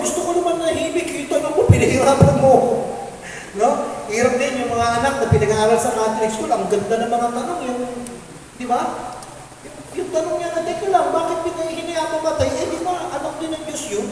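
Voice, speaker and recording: A man's voice: very high voice, a little fast, darkish tone, slight background noise. A middle-aged man, preaching to a prayer meeting and quizzing the crowd with questions. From Philippines. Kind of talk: lively preaching to a congregation. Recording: echoey hall, voice from far off.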